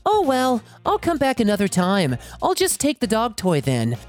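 A woman's voice: fairly high pitch, wildly swooping pitch, normal speed, a little mellow, soft background music, voice pushed up. A woman voicing a meek, apologetic young adult daughter at a store counter. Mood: resigned.

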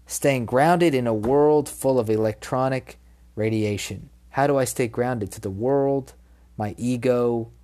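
A man's voice: mid-range voice, measured pace, mellow. A young man hosting a casual podcast monologue, tired and drowsy, laid-back and slangy with profane jokes. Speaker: podcast host.

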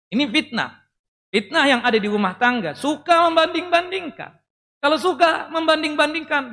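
A man preaching a sermon to a live audience in a lively way, asking questions and joking as he goes. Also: very high voice. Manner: lively, talks directly to the audience, jokes and asks questions. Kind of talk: Islamic sermon. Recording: long reverb in a hall.

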